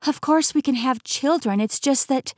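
Audiobook: offhand, wry immortal keeper, played by a female reader, somewhat high voice, dry. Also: normal speed, a little mellow, no echo. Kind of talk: audiobook character reading.

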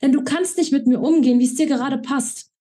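A woman voicing a proud young woman who lashes out at her lover in sharp, scolding outbursts. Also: mid-range voice, unhurried, husky. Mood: angry.

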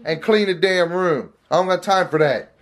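A man's voice: high voice, normal speed. A middle-aged man, a father, talking casually and crudely in a family vlog, scolding and swearing a lot.

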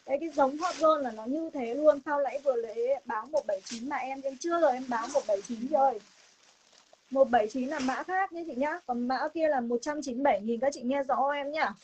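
A young woman with a Northern Vietnamese accent and a high voice hosts a live clothing sale. She chats casually to viewers while selling insistently, repeating herself and making emphatic promises. The phone recording has clear noise behind her. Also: fairly quick, a little mellow, rough recording. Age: young adult. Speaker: online clothing seller hosting a livestream sale. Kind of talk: live sales pitch, casual chat to viewers. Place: room stacked with clothing stock, indoors.

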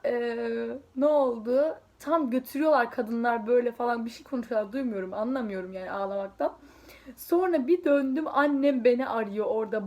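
A woman's voice: a little high, darkish tone. Chatty young woman vlogger, giggly storyteller. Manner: chatty, giggly, rambling with frequent asides. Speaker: student preparing for an exam. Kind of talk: casual storytelling to camera.

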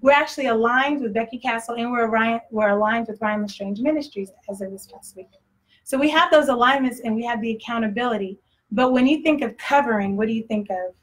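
A woman's voice: fairly high pitch, a little fast. A woman with a Texas accent preaching a sermon in a blunt, conversational way, often laughing. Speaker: pastor.

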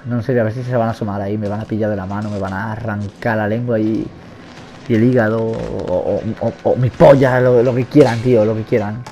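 A young man with a Spain Spanish accent, giving nervous, rambling, joking commentary while playing a horror game and shouting at its enemies. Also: lowish voice, fairly even intonation, fairly quick, slight background noise. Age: young adult. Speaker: let's play gamer.

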